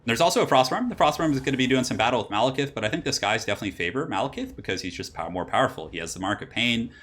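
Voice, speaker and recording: On his own stream, a young man commentates a competitive strategy game as an esports caster and channel host. His mid-range voice is slightly raspy, and he talks fast and rambles, bursting into excited exclamations at the plays.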